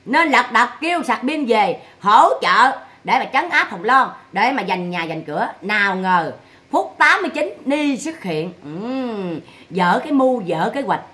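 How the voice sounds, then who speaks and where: High bright scolding woman. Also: sing-song, unhurried. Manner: scolding, mocking, rhetorical questions. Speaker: vlogger commenting on family drama. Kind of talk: scolding monologue.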